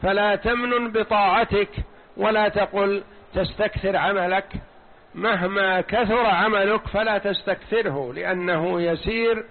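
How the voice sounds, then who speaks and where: An older man giving a slow, deliberate religious lecture, repeating and explaining words one at a time. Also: high-pitched, steady tone. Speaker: Quran commentary teacher. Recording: tinny phone-like recording.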